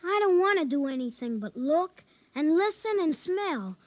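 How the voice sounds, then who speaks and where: High-voiced, spoiled little boy. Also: sing-song, normal speed, no room sound, dull audio. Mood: cold, defiant. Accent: American. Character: spoiled, coldly insistent young son. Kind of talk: 1950s radio drama acting.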